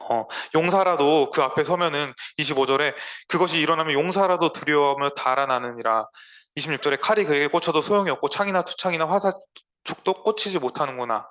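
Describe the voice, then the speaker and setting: A man's voice: medium pitch, sharp tone. A man preaching a sermon at a church service, reading scripture aloud and retelling it in casual everyday speech.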